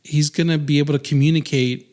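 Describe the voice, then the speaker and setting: A man's voice: fairly high pitch, steady tone, fast, a little mellow. A man in his thirties co-hosting a podcast in casual chat, rambling with many restarts and fillers. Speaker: podcast co-host.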